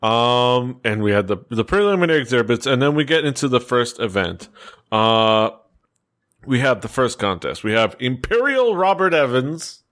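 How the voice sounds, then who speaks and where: A man's voice: medium pitch, lively intonation, moderate pace, a bit bright. A man hosting a casual podcast chat, rambling and chuckling as he talks. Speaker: podcast host.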